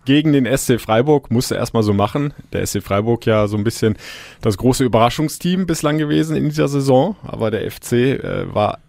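A man's voice: mid-range voice, brisk, vocal fry, a little mellow, no room sound. A man hosting a casual football podcast chat. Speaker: podcast host.

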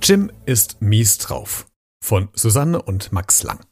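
A man's voice: fairly low pitch, big pitch swings, takes it slowly, gravelly, over music. A man hosting a podcast, reading a children's book aloud in a friendly way and speaking directly to children. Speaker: podcast host.

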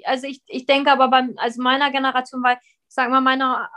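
A woman's voice: high-pitched, level tone, fairly quick, bright, forceful tone. A woman guest talking casually over a video call, chatty with frequent restarts. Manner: chatty, many restarts and fillers. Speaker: guest, flower school founder.

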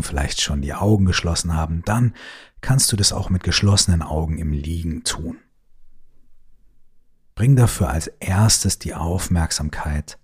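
Deep, slow, husky-voiced man guiding sleep. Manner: slow, soothing, drops to soft whispers. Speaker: meditation guide. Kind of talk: guided sleep meditation.

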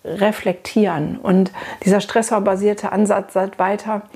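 Husky-voiced woman telling it frankly. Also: medium pitch, darkish tone. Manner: earnest, reflective, frank; conversational, addresses listener directly. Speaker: child and adolescent psychotherapist. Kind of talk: personal storytelling talk.

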